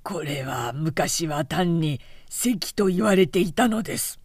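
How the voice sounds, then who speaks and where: A woman voicing a very hoarse male samurai retainer who talks in an earnest, insistent way. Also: on the high side, lively intonation, slow pace, no room sound, studio quality, full character voice. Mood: indignant. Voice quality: very hoarse, rasping.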